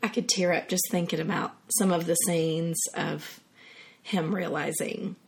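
Raspy, hoarse-sounding woman podcast co-host. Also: on the low side, fairly even intonation, measured pace. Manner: earnest, encouraging, heartfelt. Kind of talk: casual chat.

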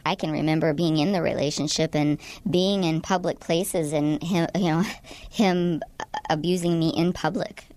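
Woman with a disguised deep voice. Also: steady tone, darkish tone. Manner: hesitant, halting, many fillers. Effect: voice disguised to sound deep. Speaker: interview guest. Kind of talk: radio interview. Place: radio studio.

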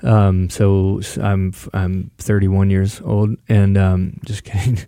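A man's voice: low voice, little pitch movement, slow pace, warm tone, clear, resonant tone, no room sound, studio quality. A man in his forties, chatting casually as a podcast guest, thoughtful with some joking. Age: 40s. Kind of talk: casual chat.

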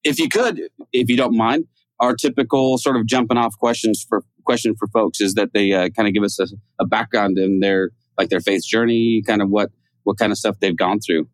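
Podcast guy chatting, lowish voice, stumbles and restarts a lot, dry close sound. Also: fairly even intonation, a little fast, no echo. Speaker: podcast co-host. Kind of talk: casual podcast interview.

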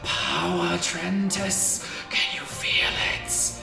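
A game master voicing a gloating evil shadow spirit in a dark, breathy whisper over music. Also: mid-range voice, flat delivery, very slow, echoey room, heavily acted.

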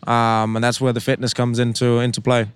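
Answering interview questions, a young racing driver from Denmark speaks haltingly, repeating words and saying um often, as Danish is his native tongue. His tone is clean, medium in pitch, and monotone.

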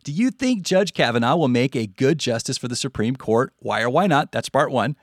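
A man's voice: mid-range voice, animated, brisk, dry recording, studio quality. A man with an American accent hosting a podcast from a script. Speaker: stand-in podcast host.

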